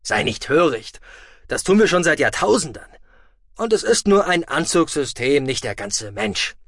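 A man voicing a calm, dryly humorous male space commander in an audiobook. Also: dry recording, studio quality, heavily acted. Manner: calm, measured, lower. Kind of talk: audiobook reading.

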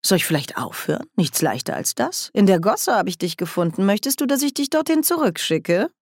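A woman reading a storybook puts on a proud, scheming sorceress who talks down to everyone. Her falsely friendly tone lifts well above the reader's low voice and swings widely. The recording is dry. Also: big pitch swings, fairly quick, darkish tone, breathy edge, no room sound. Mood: threatening. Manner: cool, superior, falsely friendly.

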